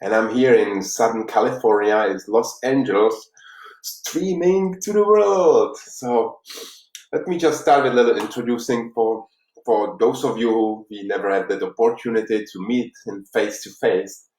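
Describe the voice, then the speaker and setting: A man from the Czech Republic with a Czech accent, a life coach giving an earnest, halting motivational talk on a live stream. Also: lowish voice, animated, a little mellow. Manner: earnest, halting, with frequent restarts. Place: room in Los Angeles. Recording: roomy, distant mic.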